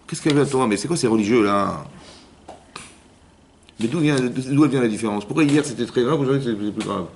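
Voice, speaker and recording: Lively rabbi teaching a class. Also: male voice, mid-range voice, quick pace, a little hiss or hum. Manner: lively, acts out inner voices, keeps asking "vous avez compris?". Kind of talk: Torah lesson.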